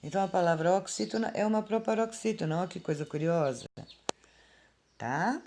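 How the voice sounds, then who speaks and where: A woman teacher with a Brazilian Portuguese accent explaining grammar to children in a slow, patient way, recorded on a phone at home. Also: lowish voice, darkish tone, slight background noise. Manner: slow, patient and explanatory, calling out words aloud. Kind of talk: remote grammar lesson for children.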